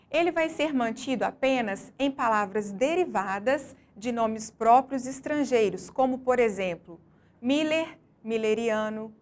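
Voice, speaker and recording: A woman teacher reading a scripted lesson slowly and deliberately, stressing each syllable as she explains. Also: on the high side.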